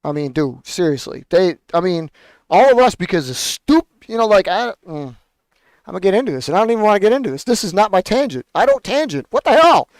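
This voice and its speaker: A man's voice: sits high, very animated, a little fast, darkish tone, no room sound. A man hosting a paper airplane show, talking in a rambling, profane, exasperated rant. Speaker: podcast host building paper planes. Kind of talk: casual ranting chat.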